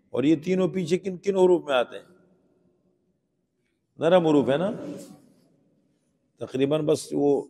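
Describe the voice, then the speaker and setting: A man's voice: mid-range voice, creaky, dark tone. A man teaching Quran pronunciation in a class, patiently asking his students questions and sounding out the letters. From Pakistan. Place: mosque teaching hall. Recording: long hall reverb.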